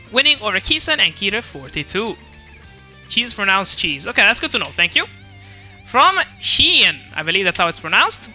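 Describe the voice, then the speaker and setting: A man's voice: sits high, pushed and bright. A man casually presenting a recap slideshow, reading out results with chatty, self-deprecating asides and laughs at his own jokes. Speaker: presenter of a regional esports recap.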